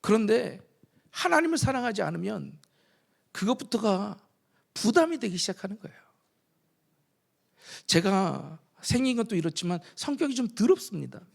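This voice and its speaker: A male pastor preaching a revival sermon, telling personal stories and moving from soft asides to shouted appeals. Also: high-pitched, sing-song, normal speed, gravelly, long pauses. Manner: storytelling, shifts from soft asides to shouted exhortation.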